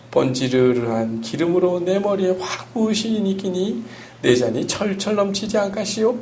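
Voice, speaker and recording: A man's voice: high-pitched, a little mellow, slight background noise, pitched above the performer's own voice. A man putting on a rustic Hamgyong-dialect psalm reciter. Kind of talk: comic dialect scripture reading.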